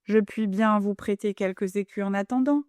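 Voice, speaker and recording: A woman's voice: mid-range voice, normal speed, darkish tone, no room sound, studio quality, natural voice. A woman voicing a kindly, reassuring older mother in an audiobook. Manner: kind, reassuring. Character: kindly older mother, calling from her bed.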